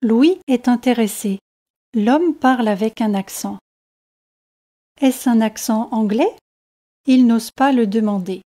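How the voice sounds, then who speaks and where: A woman narrating a story for language learners in a calm, evenly paced, scripted reading. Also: on the high side, takes it slowly, pauses often.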